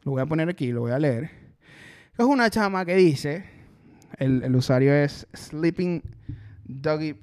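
A comedian from Maracaibo talking in a casual, joking way, with a Maracaibo Venezuelan Spanish accent and lots of swearing. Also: male voice, a little high, unhurried, pauses often, no room sound, studio quality. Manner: animated, joking, swears freely. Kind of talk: casual comic chat.

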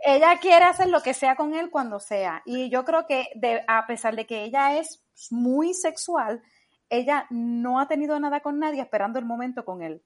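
A woman, a podcast guest chatting in an animated way and laughing easily. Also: high voice, normal speed. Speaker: podcast guest, actress and comedian. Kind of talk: casual podcast chat.

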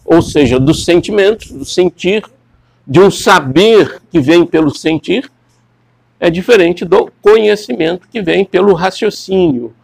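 A man's voice: sits high, gravelly, no room sound. A man giving a classroom lecture, rambling and repeating words as he questions his students.

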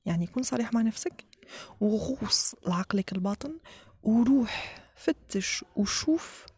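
A woman with an Algerian accent leads a guided relaxation in a soft, often whispered voice, giving short instructions with pauses between them. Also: a little high, lively intonation, husky, dry recording. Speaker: guided meditation leader.

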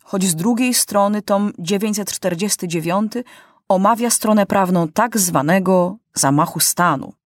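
A woman's voice: mid-range voice, measured pace, no echo, lightly acted. A woman reading a storybook, voicing a pedantic male minister of justice in a dry, legalistic manner.

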